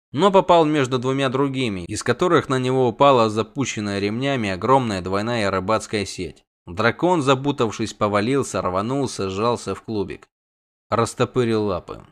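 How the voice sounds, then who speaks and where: A man narrates a fantasy audiobook at a medium pitch. He keeps an even, steady storytelling pace. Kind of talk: scripted narration.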